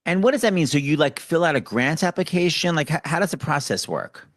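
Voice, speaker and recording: A man's voice: a little high, lively intonation, fairly quick, no room sound, clean studio sound. A man interviewing a guest in a playful, joking way. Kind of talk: casual interview.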